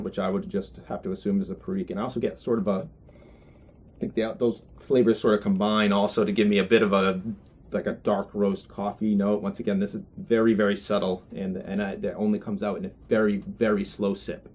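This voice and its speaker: Low, husky man reviewing pipe tobacco. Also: flat delivery, a little mellow. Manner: halting, deliberate, thoughtful delivery. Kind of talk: casual product review monologue.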